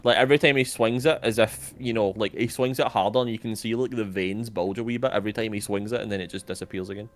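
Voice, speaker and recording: A man's voice: fairly low pitch, fairly even intonation, quick pace, few pauses. A man running a tabletop game as game master, dry and teasing as he plays the shopkeeper.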